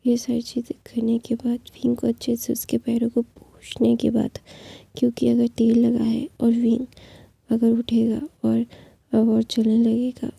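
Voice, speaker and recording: A woman narrating a fanfiction in a soft, husky whispered storytelling voice. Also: a little high, no echo. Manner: slow, intimate, soft.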